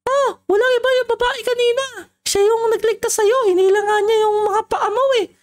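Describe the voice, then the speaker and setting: Woman doing a super high squeaky playful buddy, teasing, minecraft roleplay. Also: steady tone, fairly quick. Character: playful young friend with a crush. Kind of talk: Minecraft role-play voice acting.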